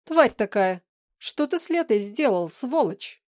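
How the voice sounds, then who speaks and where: A woman's voice: medium pitch, animated, moderate pace, darkish tone, no room sound, studio quality, voice pushed up, lightly acted. A woman voicing a volatile young woman's vicious, mocking alter ego in an audiobook reading, snarling and hurling insults. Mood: furious.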